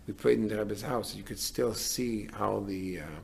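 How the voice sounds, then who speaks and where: A man's voice: fairly low pitch, normal speed, gravelly, slightly rough. Earnest rabbi man giving a sermon. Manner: earnest, building to emphatic declarations.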